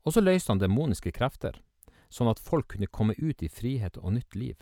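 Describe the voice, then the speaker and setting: A man's voice: medium pitch, sing-song, dark tone, no room sound, clean studio sound. A man preaching a sermon, reading scripture and speaking in an earnest, emphatic way.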